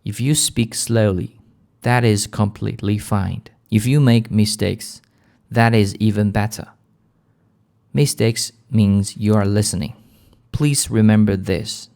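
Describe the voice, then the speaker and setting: A man with a British accent leading a shadowing lesson for English learners in a calm, gentle, clear manner. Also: on the low side, measured pace. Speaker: English teacher.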